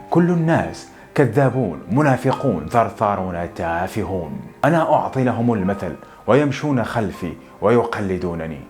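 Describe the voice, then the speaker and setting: A scornful, defiant divorced woman who fires off pointed questions, as a male narrator reads her part in a low voice. She sounds cutting and self-assured, with faint guitar music behind. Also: lightly acted. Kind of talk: audiobook narration.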